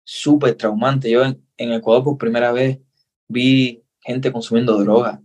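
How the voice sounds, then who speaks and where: A man's voice: mid-range voice, a little slow. Earnest young Cuban man telling his story. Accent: Cuban Spanish. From Cuba. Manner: earnest, animated storyteller, acts out dialogue. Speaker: interview guest. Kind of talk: casual storytelling interview.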